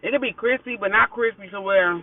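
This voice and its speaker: A man's voice: sits high, brisk, slight background noise. An American man chatting casually to viewers during a mukbang in a car, talking with his mouth full and murmuring between bites. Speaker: food vlogger. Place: inside a parked car. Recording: thin phone-like sound in a car.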